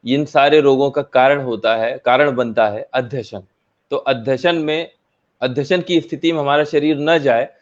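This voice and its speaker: A man who practises Ayurveda, calmly and methodically answering a panel question and repeating key terms. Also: medium pitch. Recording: slightly dull lo-fi audio.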